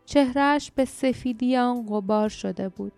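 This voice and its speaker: Woman reading a fantasy audiobook, mellow voice, dry close sound, faint music behind. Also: on the high side, creaky, no room sound. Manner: calm, measured storytelling. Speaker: audiobook narrator. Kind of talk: scripted narration.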